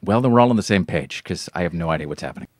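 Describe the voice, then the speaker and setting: A man's voice: deep voice, lively intonation, rapid-fire, dry recording, clean studio sound. A middle-aged man, a guest chatting casually, articulate and self-deprecating, with dryly sardonic banter. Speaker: guest, former radio talk host and author.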